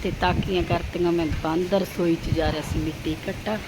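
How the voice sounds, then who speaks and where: A woman's voice: fairly even intonation, a little fast. Woman vlogging through heavy noise. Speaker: family vlogger. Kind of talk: casual home vlog chat. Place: outdoors at a village home in a windstorm. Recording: very noisy outdoor wind and vehicle-like rumble.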